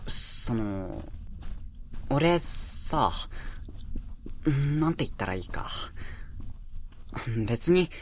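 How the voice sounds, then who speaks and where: An actor playing a bewildered, despondent young man in a drama, informal and halting. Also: mid-range voice, lively intonation, a little hiss or hum. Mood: flustered.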